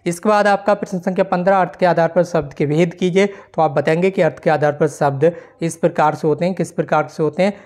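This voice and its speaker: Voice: mid-range voice, fairly even intonation, fast, hardly any pauses, darkish tone. Patient online teacher going through model answers. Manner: explanatory, reads questions aloud and checks in with frequent "theek hai". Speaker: exam-prep teacher. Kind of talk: online exam-prep lesson reading model answers.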